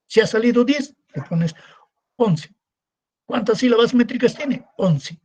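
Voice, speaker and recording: A man's voice: very high-pitched, expressive, a little slow, darkish tone, slightly rough, rough recording. A male secondary school teacher giving a recorded class, repeating points and asking rhetorical questions that he answers himself. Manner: repetitive, asks rhetorical questions and answers them. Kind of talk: recorded online class lecture.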